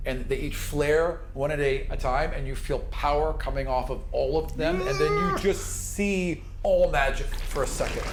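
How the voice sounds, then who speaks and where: A fairly high-voiced man narrates off the cuff as the game master of a tabletop RPG podcast, speaking conversationally. Background music runs under his voice, the recording has a roomy echo, and the surroundings sound noisy.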